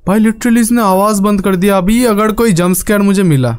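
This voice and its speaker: A man's voice: high voice, fairly quick, a little mellow, clear, resonant tone, dry recording. A young man giving casual, jokey commentary on a horror game, often pleading with the game. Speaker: gaming YouTuber.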